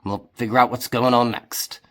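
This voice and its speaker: A man doing a loud, blunt pirate captain. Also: medium pitch, flat delivery, moderate pace, natural voice. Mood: friendly.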